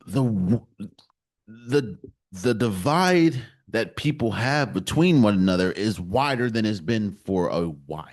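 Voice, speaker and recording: A man from the United States hosting a solo sports podcast, giving his opinions in an emphatic, animated way. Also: on the low side, measured pace. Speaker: podcast host.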